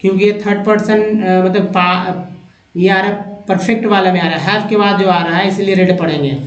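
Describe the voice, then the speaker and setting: A man teaching a lesson on reading English, sounding out words slowly and spelling letters aloud. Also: high-pitched, steady tone. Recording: roomy, dull lo-fi sound.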